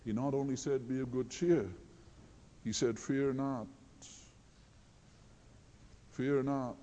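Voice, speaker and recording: A man preaching a sermon in a slow, earnest way, quoting scripture often. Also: medium pitch, fairly even intonation, mellow, highs cut off. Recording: long hall reverb.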